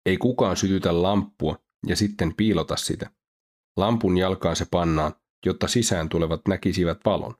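A man reading Bible passages aloud in a steady, formal manner. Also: sits low. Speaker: scripture reader.

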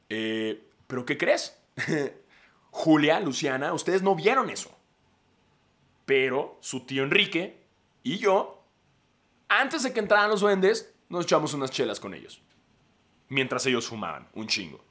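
A man in his thirties with a Mexican accent, a podcast host telling a story casually with lots of slang and laughter. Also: on the high side. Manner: animated, slangy, laughs often.

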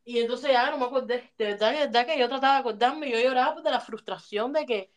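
Animated woman telling stories. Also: a little high, quick pace. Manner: animated, mixes English phrases into Spanish. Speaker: podcast co-host. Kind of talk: casual storytelling chat.

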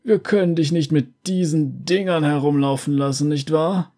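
A man's voice: on the high side, normal speed, warm tone. A man voicing a smug male official who talks down to a captive in a falsely friendly way. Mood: condescending.

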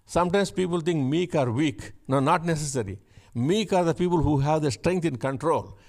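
A man preaching a sermon, shifting from chatty asides with the congregation to loud, emphatic repeated declarations. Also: a little high. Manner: builds to loud emphatic repetition; conversational asides with laughs.

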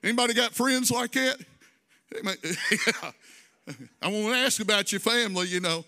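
A man's voice: high-pitched, moderate pace, pushed and bright. A male pastor preaching a conversational sermon, drawing phrases out in a sing-song and adding folksy asides.

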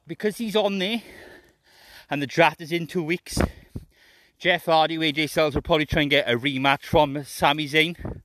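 A man's voice: a little high, fairly bright tone. A middle-aged man hosting a podcast, chatting casually and unscripted in a blunt, opinionated way. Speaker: podcast host.

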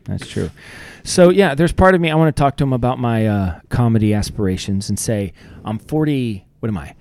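A man's voice: mid-range voice, animated, a little fast, darkish tone, no room sound, clean studio sound. A man, co-hosting a podcast in casual chat and musing aloud with fillers. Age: 40s. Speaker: podcast co-host.

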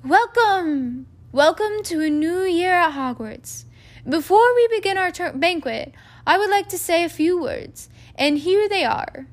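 A woman's voice: extremely high pitch, expressive, measured pace, voice pushed up. A woman voicing a jovial, eccentric elderly male headmaster wizard, speaking in a grand, whimsical way.

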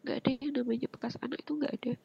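A woman, earnestly telling her personal story as an interview guest, often dropping into a soft breathy whisper. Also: sits high, fairly even intonation, racing. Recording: muffled lo-fi with faint background noise.

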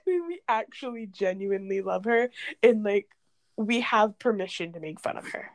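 A woman's voice: mid-range voice, lively intonation, normal speed. A young woman co-hosting a podcast, chatting casually with frequent laughs and fillers. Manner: laughs often, many fillers. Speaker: podcast co-host. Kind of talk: casual storytime chat.

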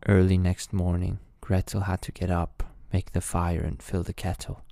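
A man reading a fairy tale aloud as a bedtime story, calm and measured. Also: low voice, vocal fry, no echo.

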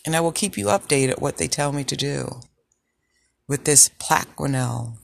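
A woman with a low, sultry voice hosting a personal podcast, speaking in a deliberate, reflective way with pauses. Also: animated, creaky. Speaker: podcast host. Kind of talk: personal health podcast monologue.

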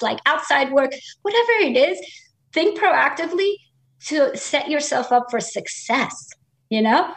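Woman, high voice, encouraging, casual motivational talk, acts out quotes.

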